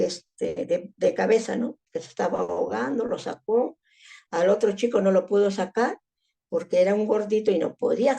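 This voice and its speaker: Middle-aged woman telling her story in an interview, low mellow tone with lots of fry. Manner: emotional recounting, frequent "¿no?" tag. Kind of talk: personal storytelling.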